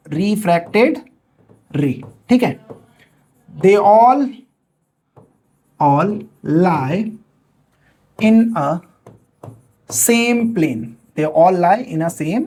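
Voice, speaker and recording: A male teacher giving a classroom lecture, dictating key phrases slowly word by word and answering his own questions. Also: high voice, darkish tone.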